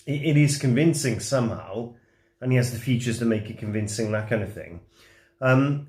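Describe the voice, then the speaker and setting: A man's voice: mid-range voice, a little mellow, roomy sound. A man chatting casually about books, explaining hesitantly and often rephrasing. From Wales. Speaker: vlogger's husband and guest.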